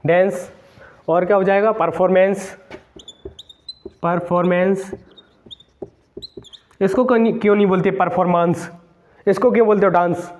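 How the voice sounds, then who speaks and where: A man's voice: high-pitched, fairly even intonation, normal speed, long pauses, darkish tone. A man teaching English grammar for competitive exams, emphatic, repeating words and spelling them out letter by letter. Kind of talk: exam-prep grammar lesson.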